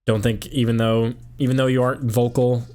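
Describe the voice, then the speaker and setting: A young man, a gaming YouTuber, talking casually and reflectively in a monotone over gameplay. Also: mid-range voice, a little fast.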